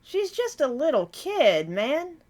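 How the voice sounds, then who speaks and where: A woman's voice: sits high, big pitch swings, takes it slowly, a little mellow, soft background music. A woman hosting a reaction video, talking casually and expressively, with frequent exclamations and swearing.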